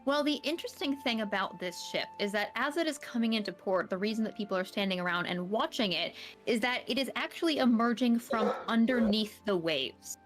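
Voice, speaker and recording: A woman's voice: a little high, expressive, brisk, faint music behind. Woman narrating as game master. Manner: descriptive, filler-heavy narration.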